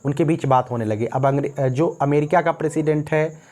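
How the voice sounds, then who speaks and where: A male teacher with an Indian accent gives a recorded exam-prep lecture, explaining in Hindi, reading English notes slowly and often checking "ठीक है ना". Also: a little high, a little mellow. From North India.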